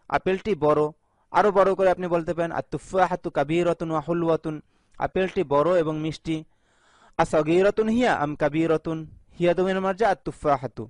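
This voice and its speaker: A man from Bangladesh teaching an Arabic lesson in a video, going slowly and repeating each phrase with its translation. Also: fairly high pitch, darkish tone, no echo.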